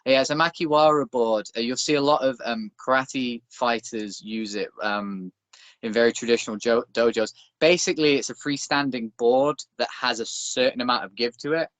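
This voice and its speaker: A man's voice: medium pitch, fairly even intonation, moderate pace, a bit bright, dry recording. Dry-humored Northern English man, dead dry sound. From Northern England. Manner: dry, self-deprecating humor. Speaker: guest, bare knuckle boxer. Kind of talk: casual interview chat.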